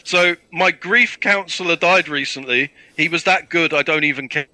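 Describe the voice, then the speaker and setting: A man's voice: fairly high pitch, moderate pace, dry recording. A British man from London chatting casually over game voice chat and telling cheeky one-liner jokes. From London, England. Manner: cheeky, playful, tells deadpan one-liners. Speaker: online game player.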